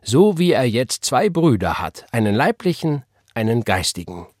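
A man's voice: medium pitch, sing-song, measured pace, darkish tone, breathy edge, no room sound, studio quality, voice pushed up. A man voicing a fervent churchwoman who speaks pious, emphatic lines with a raised voice. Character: fervent churchwoman, loud and exclaiming.

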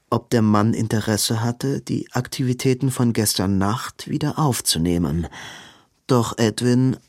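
A male audiobook narrator reads a novel in an even, measured storytelling style. His pitch is fairly low, and the recording is dry with clean studio sound.

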